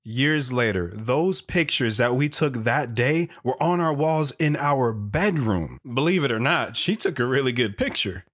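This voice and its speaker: Plucked guitar accompanies a man of medium pitch and fairly bright tone who speaks expressively, unhurried yet with hardly any pauses. As a radio show storytelling guest, he acts a lone wanderer recounting his romance in dramatic first-person narration, earnest, hesitant, wistful and reflective.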